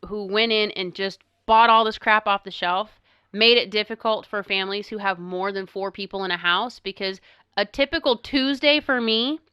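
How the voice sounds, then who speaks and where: A middle-aged woman tells a story on a podcast in an animated, chatty way, acting out her own past words. Her voice is bright and very clean. The recording is dry and a little dull. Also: on the high side, smooth, no room sound. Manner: animated storytelling, quoting herself. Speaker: podcast co-host. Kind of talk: casual chat.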